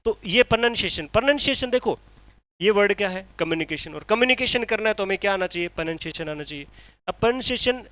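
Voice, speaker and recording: A male teacher, giving an exam-prep lecture, asking rhetorical questions and reading English lines out slowly. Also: high voice, animated, sharp tone, dry recording.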